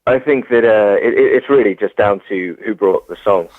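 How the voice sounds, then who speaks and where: Heard through tinny, phone-like audio, a young English musician answers casual interview questions hesitantly, full of fillers and restarts. His pitch is fairly low, his speed normal, and the recording dry.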